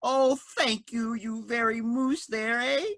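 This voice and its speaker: A woman's voice: fairly high pitch, steady tone, takes it slowly, fairly bright tone, no room sound, clean studio sound. A woman voicing a fretful male cop trapped in a machine, with a put-on Canadian accent and a folksy manner. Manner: folksy, fretful, says "eh" and "golly".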